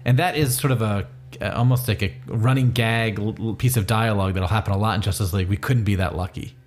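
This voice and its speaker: A man's voice: on the low side, steady tone, fast. A man co-hosting a podcast, talking easily and casually about a comic book. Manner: easygoing, laughs along. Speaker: podcast co-host.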